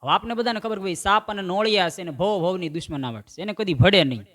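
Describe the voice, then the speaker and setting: A man tells folk comedy tales and slips into the voices of his characters. His voice sits high and carries a bright, forceful edge. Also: fast. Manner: animated joke-telling, acts out quoted voices. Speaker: stand-up comedian. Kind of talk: Gujarati folk comedy storytelling.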